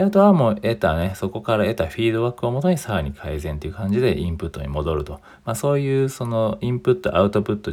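A man's voice: deep voice, darkish tone. A young Japanese man talking casually on his own as a podcast host, rambling with many fillers and self-corrections. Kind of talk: casual solo talk.

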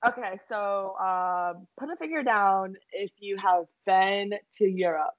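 In a dull lo-fi recording with no room sound, a young adult podcast co-host speaks at medium pitch and a little slowly. Her casual chat is giggly and loaded with swearing.

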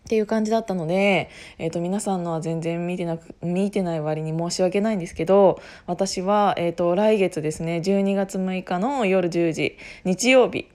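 Husky-voiced woman in casual solo chat. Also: lowish voice, fairly even intonation, fairly quick, few pauses, warm tone. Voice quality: husky, hoarse voice. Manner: rambling, self-interrupting, often laughing at herself. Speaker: podcast host making an announcement.

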